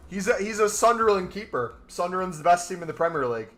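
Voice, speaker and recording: A young trading streamer sits in a gaming chair in a small indoor room, giving laid-back live commentary and talking with his chat. He speaks fast in a high, somewhat bright voice with lively intonation.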